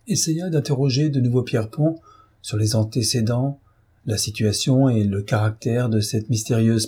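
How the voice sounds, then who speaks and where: A man reading a classic novel aloud as a steady, even audiobook narrator. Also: mid-range voice, slightly rough. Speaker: audiobook reader.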